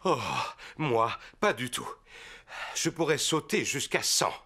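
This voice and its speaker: A man's voice: on the high side, animated, slow pace, bright, forceful tone, full character voice. A man voicing a jovial, bumbling father pig in a French children's cartoon dub, blustering and a little hesitant.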